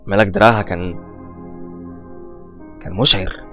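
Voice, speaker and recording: A man's voice: sits low, steady tone, moderate pace, a bit bright. A man with an Egyptian Arabic accent narrating a first-person horror story in a tense, scripted style. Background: faint background music.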